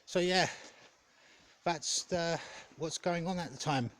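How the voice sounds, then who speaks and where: A man giving a casual, rambling vlog update in a hesitant, halting way, often correcting himself. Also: a little high, a bit bright, no room sound. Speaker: gaming content creator.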